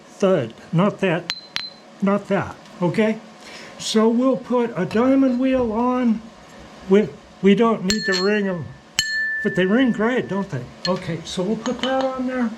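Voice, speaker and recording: An older man speaks in a weak, reedy, hoarse voice that sits high for a male. He walks through a workshop task at a slow, halting pace in plain, casual words. A little noise sits behind him. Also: darkish tone, poor audio. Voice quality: weak, thin, hoarse voice from surgical damage. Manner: halting, plain-spoken explaining. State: hoarse from smoke. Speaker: millwright demonstrating shop tools. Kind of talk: casual hands-on workshop demonstration.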